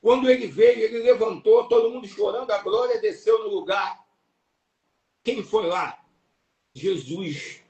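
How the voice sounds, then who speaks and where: A man with a Brazilian Portuguese accent preaching an impassioned sermon, emphatic and repetitive, breaking into shouts. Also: high voice, moderate pace, lo-fi sound. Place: church or live stream hall. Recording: echoey room, voice from far off.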